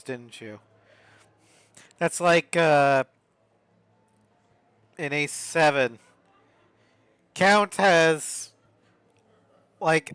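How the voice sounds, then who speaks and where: A man's voice: on the high side, fairly bright tone, clean tone, no echo. A man giving casual gameplay commentary as a streamer, wry, joking and slangy. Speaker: game streamer.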